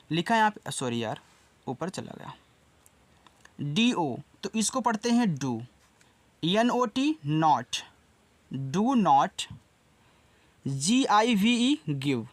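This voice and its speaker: A man's voice: high-pitched, no echo. A man with a Hindi accent teaching an English lesson in a casual way, spelling each word out letter by letter and repeating it. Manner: slow, spells words letter by letter and repeats them.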